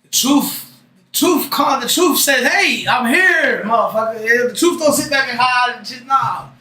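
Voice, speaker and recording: A man's voice: extremely high pitch, lively intonation, normal speed, pushed and bright, echoey room, far from the mic, a little hiss or hum. A man in his late thirties from Lawton, hosting a casual, profane interview chat. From Lawton, Oklahoma. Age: 30s. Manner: loose, profane street talk. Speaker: podcast host.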